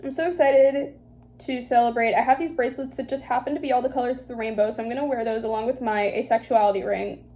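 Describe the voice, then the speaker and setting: A woman's voice: on the high side, fairly even intonation, fast talker, few pauses, dark tone. A young woman reading her old diary aloud in an embarrassed, self-mocking way, with casual, theatrical asides and swearing. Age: young adult. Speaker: vlogger.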